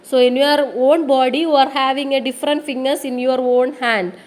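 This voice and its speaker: A woman teacher giving a recorded lesson to children, explaining slowly, asking questions and answering them, and spelling words out letter by letter. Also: high-pitched, fairly even intonation, rough recording. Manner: addresses children directly, asks questions and answers them herself. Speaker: school teacher.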